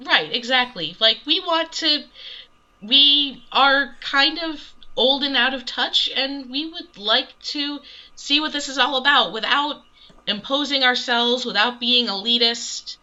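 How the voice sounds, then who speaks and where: A woman's voice: high-pitched, a little slow, sharp tone. A woman co-hosting a podcast, chatty and agreeable in casual talk. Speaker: podcast co-host. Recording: dull lo-fi sound.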